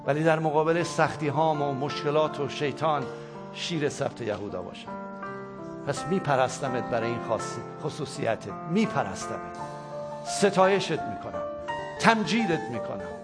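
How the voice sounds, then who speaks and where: A male pastor delivering a sermon and leading a spoken prayer, in an impassioned, repetitive preaching cadence. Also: a little high.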